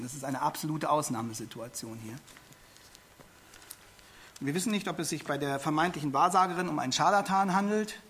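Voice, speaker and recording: A man's voice: on the high side, fairly bright tone. A man preaching a sermon, explaining a Bible passage and speaking directly to his listeners, often repeating words for emphasis. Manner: expository Bible teaching, addresses listeners directly.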